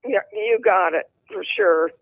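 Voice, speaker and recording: A woman's voice: medium pitch, sing-song, unhurried, phone-quality sound. A woman co-hosting a livestream in casual chat over a remote call with thin audio. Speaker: podcast co-host.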